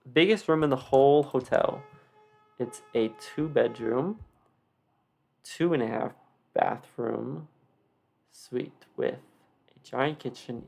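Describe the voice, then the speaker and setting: With a slight lisp caused by retainers, a video creator rambles through a casual tour of his game build, making fun of himself along the way. His voice sits at a medium pitch with noticeable vocal fry.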